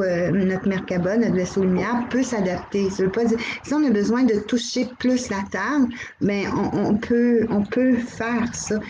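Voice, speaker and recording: A middle-aged woman with a Québécois accent, hosting a live channeling stream, gently relaying messages and greeting viewers by name. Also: medium pitch, a little hiss or hum, low-quality recording. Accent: Québécois French. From Quebec.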